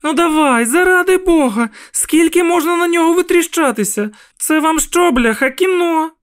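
A man's voice: very high voice, animated, moderate pace, no room sound, voice pushed up. A man voicing an anxious, protective mother, tense and commanding. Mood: shouting angry. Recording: dry close studio sound.

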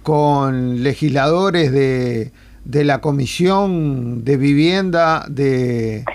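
A man's voice: mid-range voice, very slow, darkish tone. A man with a Uruguayan accent hosting a radio interview, informal and repeating words as he asks questions. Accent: Uruguayan Spanish. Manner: informal, stumbling on word repeats. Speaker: radio host.

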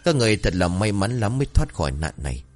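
A man narrating a folk horror tale in a steady, measured way. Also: on the low side. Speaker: storyteller. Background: faint music.

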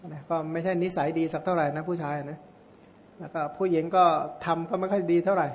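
A man's voice: sits high, in a large hall. A male Buddhist monk giving a conversational dhamma sermon, telling stories and often ending phrases with tag particles. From Surin, Thailand.

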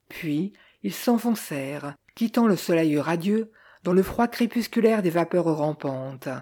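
Mellow-voiced woman narrating a novel. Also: lowish voice. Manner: measured, unhurried reading. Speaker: audiobook narrator. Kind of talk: scripted literary narration.

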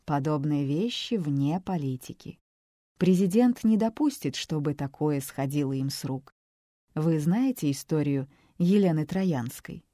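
Brief: woman doing an authoritative official man in an audiobook, low and calm. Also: unhurried, no echo. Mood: assured. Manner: calm, commanding. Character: authoritative male government official.

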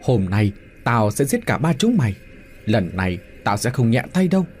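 A man's voice: mid-range voice, sing-song, moderate pace, darkish tone, slight background noise, close to an everyday voice. A man voicing a cruel, blood-hungry demon. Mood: menacing. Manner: taunting, menacing. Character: bloodthirsty vengeful demon spirit, cruel and mocking.

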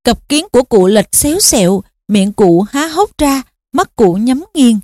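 Woman narrating an audiobook, high voice, mellow tone, steady and expressive. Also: measured pace, no echo, studio quality. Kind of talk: audiobook reading.

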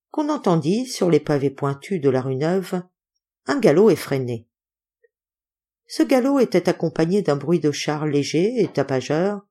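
A woman narrates a novel as an audiobook, in a fairly low voice that rises and falls freely. Her reading is animated, and she lifts into loud cries whenever the townsfolk shout. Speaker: audiobook reader.

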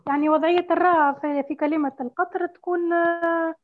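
A woman student asks about a recitation rule, stopping often to search for her words. Her voice is high and quick. The call audio sounds dull and lo-fi. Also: steady tone, a little hiss or hum. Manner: hesitant, many pauses and fillers. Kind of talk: asking questions in class.

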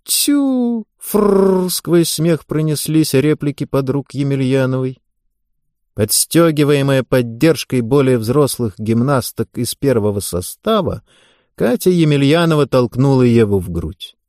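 A man narrating an audiobook in an even, measured reading. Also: mid-range voice, no echo, studio quality. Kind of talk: scripted narration.

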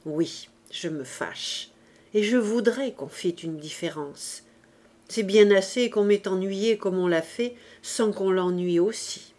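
Brief: female audiobook narrator, slow and measured, mid pitch. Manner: measured, even storytelling. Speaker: audiobook reader. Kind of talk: unhurried literary narration.

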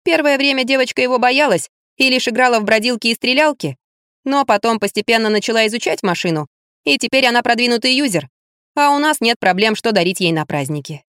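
Brief: woman audiobook narrator, animated first-person reading, fairly high, dead-dry studio sound. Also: fast, smooth, dry recording. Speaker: audiobook reader.

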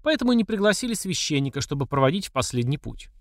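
A man's voice: on the high side, very animated, quick pace, no echo, clean studio sound. A man voicing a plain-spoken, motherly older woman in an audiobook. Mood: soothing.

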